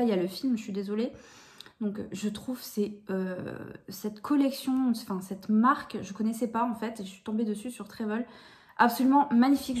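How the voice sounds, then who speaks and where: A woman's voice: a little high, dark tone, reverberant. A woman in her thirties chatting casually and enthusiastically as she shows a haul on her vlog, with many fillers. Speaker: puzzle vlogger.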